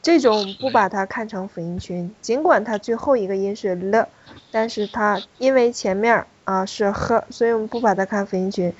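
A woman's voice: medium pitch, moderate pace, highs cut off, a little hiss or hum. A woman teaching a French pronunciation class, explaining rules step by step and calling on students. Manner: explanatory, repeats key points, calls on students.

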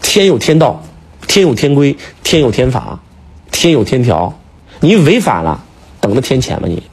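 A man's voice: mid-range voice, big pitch swings, moderate pace, husky. A man lecturing in a casual chat, emphatic and full of rhetorical questions, talking to his listener like a teacher. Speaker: speaker, teacher.

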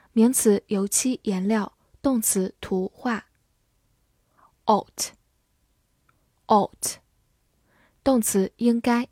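A woman teacher reading a vocabulary drill, saying each English word twice in a measured, clear manner before reading its meanings. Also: mid-range voice, darkish tone, dry recording, studio quality.

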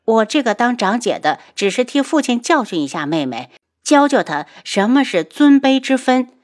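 A woman voicing a calm, cutting young princess who speaks in a cool, clipped, authoritative way in an audiobook. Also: fairly high pitch, moderate pace, voice pushed up. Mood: cold.

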